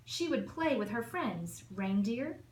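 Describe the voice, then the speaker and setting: An assistant principal reads a children's storybook aloud in a fairly high, sing-song voice, taking it slowly. Her storytelling is emphatic and rhythmic, recorded in an echoey room with faint noise.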